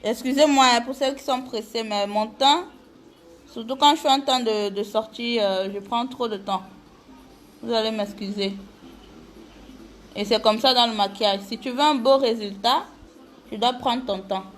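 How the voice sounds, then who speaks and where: A woman's voice: on the high side, steady tone, normal speed, pauses often, slight background noise. A woman chatting casually with viewers during a live makeup tutorial, greeting them by name.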